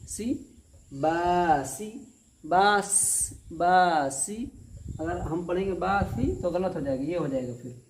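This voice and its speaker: A patient male teacher works through a recitation lesson, stretching each word out slowly and saying it again. His voice is dark and mellow. The room is echoey, with a faint hum of noise behind him. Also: fairly high pitch. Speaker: Quran reading teacher.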